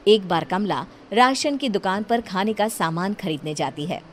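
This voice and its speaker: A woman's voice: mid-range voice, expressive, normal speed, a little hiss or hum. A woman narrating a cartoon horror story in a dramatic storytelling voice.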